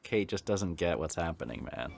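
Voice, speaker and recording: Deep-voiced guy reacting, pitch swinging freely. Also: lively intonation, normal speed, vocal fry, slight background noise. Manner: informal, slangy, talks back at the screen. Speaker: host of a TV reaction video. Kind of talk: casual reaction commentary over a TV episode. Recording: loud TV soundtrack behind the voice. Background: dialogue and music of a TV drama.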